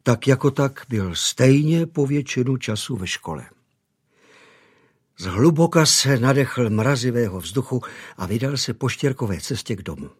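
A man reading an audiobook as narrator, measured and expressive. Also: medium pitch, slightly rough. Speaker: audiobook reader. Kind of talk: scripted narration.

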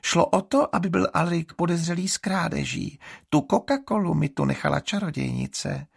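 A man's voice: on the high side, creaky, breathy edge, dry recording, clean studio sound, pitched above the performer's own voice, full character voice. A man voicing a sly, scheming young girl in an audiobook, wheedling and then scornful. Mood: explaining.

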